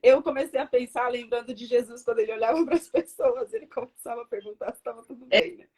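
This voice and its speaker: A woman's voice: on the high side, quick pace, darkish tone, slightly rough. Woman giving an earnest faith testimony. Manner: earnest, reflective storytelling.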